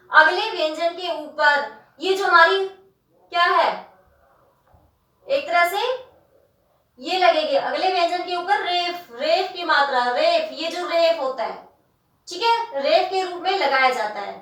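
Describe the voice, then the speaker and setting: Bright-voiced woman teaching in an echoey room. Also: extremely high pitch, far from the mic. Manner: patient, drawn-out syllables, keeps checking in with students. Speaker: Hindi grammar teacher. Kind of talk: classroom lesson explaining spelling.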